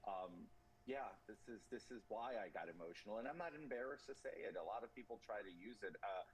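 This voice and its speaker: A man in his thirties answering interview questions earnestly, halting and repeating words. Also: on the low side, animated, slight background noise, poor audio. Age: 30s. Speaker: interview guest.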